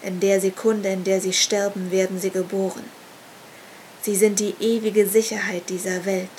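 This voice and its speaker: Old sinister seer leading a cult, read by a woman slow and even, cold and knowing. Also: medium pitch, a little hiss or hum, close to an everyday voice, poor audio. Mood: solemn. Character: old scarred male cult leader and seer.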